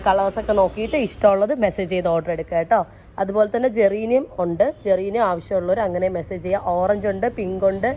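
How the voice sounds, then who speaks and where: A woman's voice: mid-range voice, background noise. A woman casually chatting as she shows her plants and urges viewers to order, recorded at a plant nursery with muffled sound. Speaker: plant seller. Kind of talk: casual sales chat.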